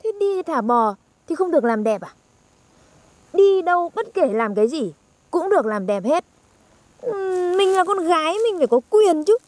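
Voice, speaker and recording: A woman's voice: very high-pitched, big pitch swings, normal speed, a little mellow, no echo. A young woman, teasing and chatty as a granddaughter in a comedy skit.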